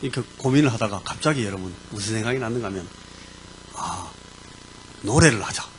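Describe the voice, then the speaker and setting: A man preaching as a pastor, telling a personal story with lively sound words and sudden bursts of emphasis. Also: lowish voice, a little fast, slight background noise, rough recording. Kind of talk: sermon storytelling. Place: church.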